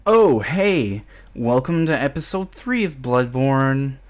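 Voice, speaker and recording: A man's voice: medium pitch, very animated, slow pace. A young man co-hosting a casual co-op gameplay session, laid-back with wry banter. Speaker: gaming co-host.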